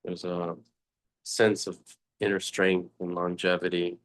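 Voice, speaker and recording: Here a man with a low voice and level tone guides a meditation as the teacher. He speaks in brief, contemplative phrases, leaving long silences between them.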